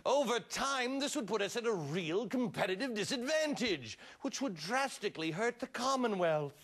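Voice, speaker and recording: Snooty elitist administrator voiced by a man, hesitant and highbrow. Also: animated, moderate pace, fairly bright tone. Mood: indignant. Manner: stammering, haughty, affected.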